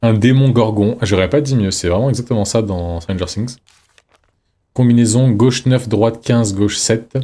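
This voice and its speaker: A man's voice: fairly low pitch, moderate pace, warm tone. A man giving casual let's-play commentary, chatty, reading in-game notes aloud with jokey asides. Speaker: streamer playing a horror game.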